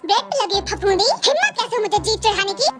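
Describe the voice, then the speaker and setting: A performer doing a squeaky, sharp-tongued bride. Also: lively intonation, fast talker. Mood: rude, scolding. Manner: insulting, bossy, threatening. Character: brash rude young bride, sharp-tongued. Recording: loud children's music behind voice.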